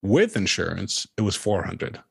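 A man's voice: low-pitched, big pitch swings, moderate pace, vocal fry, breathy edge. A young man from Norway, co-hosting a podcast in casual, earnest chat. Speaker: podcast co-host.

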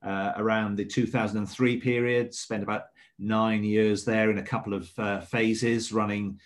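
A middle-aged man speaks in a fairly low voice with a soft South Welsh accent from Swansea. He answers interview questions conversationally, explaining things in a measured way. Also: little pitch movement. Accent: mild South Welsh. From Swansea, South Wales. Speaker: hotel manager, interview guest.

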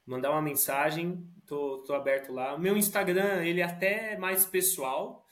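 A man's voice: fairly high pitch, fairly even intonation, moderate pace. A Brazilian man speaking as a podcast guest in a casual, reflective conversational way. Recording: roomy echo.

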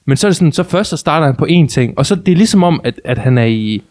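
Rambling young man telling a story. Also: fairly high pitch. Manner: rambling, many restarts, lively when retelling, laughs often. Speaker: podcast co-host telling a story. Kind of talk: casual chat.

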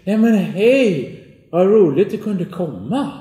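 A man's voice: sits high, sing-song, mellow, pitched above the performer's own voice. A man voicing an odd, eager fifteen-year-old boy in a tabletop game, welcoming and overly friendly. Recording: roomy echo.

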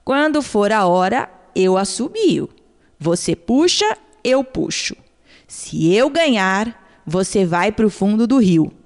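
Lady doing a sly little tortoise, slow and low, echoey. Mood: scheming. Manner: calm, deliberate, threatening. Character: small clever quiet tortoise, sly trickster. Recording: long hall reverb.

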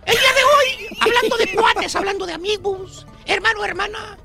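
A man's voice: very high voice, steady tone, normal speed, gravelly, pushed and bright, soft background music. A man hosting a comic radio monologue, brash and teasing as he ribs his listeners and co-hosts. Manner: brash, teasing, calls listeners "caballo" and "perro". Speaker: radio comedy host.

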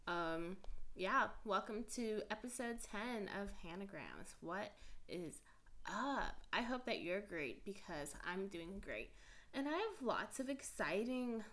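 A woman hosting her own podcast in casual chat, bubbly and talkative, sprinkling "like" through every sentence. Her voice sits at an ordinary middle pitch, and she apologizes and pokes fun at herself as she goes. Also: fairly bright tone. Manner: bubbly and chatty, full of "like" fillers; apologetic and self-mocking. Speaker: podcast host.

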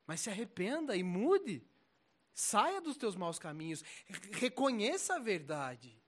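High-voiced young Brazilian preacher. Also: male voice, unhurried. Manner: animated, mocking voices, swings between loud and soft. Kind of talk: casual slangy sermon.

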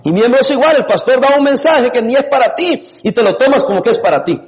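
High-voiced pastor preaching in a hall. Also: male voice, fast talker. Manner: lively preaching with laughs and sudden shouts. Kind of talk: sermon. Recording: long reverb in a hall.

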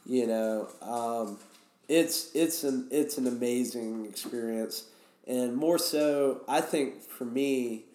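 A man's voice: mid-range voice, mellow. A man guest casually telling stories, rambling with many restarts. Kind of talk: casual storytelling. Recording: roomy echo.

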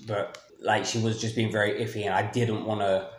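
A young man chats in slangy London roadman style. His voice sits fairly low. The room adds clear echo, with some noise behind him. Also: little pitch movement, brisk. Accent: London, urban roadman slang. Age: young adult. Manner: slangy, informal. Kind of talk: casual banter among friends. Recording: roomy echo, noticeable background noise.

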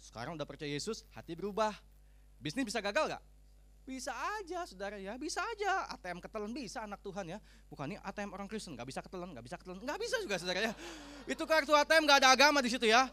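A man preaching, his voice sitting high and swinging widely in pitch. He jokes with the congregation and slips into character to act out what people say. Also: rapid-fire. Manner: humorous, animated, acts out quoted speech. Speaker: pastor. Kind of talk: sermon.

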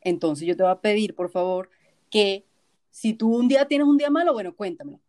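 A woman's voice: mid-range voice, a little fast, a little mellow. A woman with a Venezuelan accent in frank, blunt casual conversation, swearing now and then. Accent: Venezuelan Spanish. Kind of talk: casual chat.

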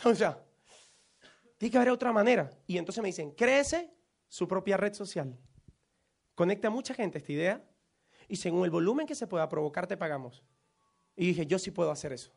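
A man giving a comic motivational seminar talk, an animated storyteller who acts out dialogue and uses slang. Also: high voice. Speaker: motivational speaker.

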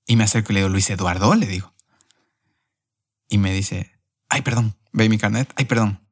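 A young man on a podcast, telling a personal story in an emotional, animated way. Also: on the low side, brisk. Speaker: podcast host.

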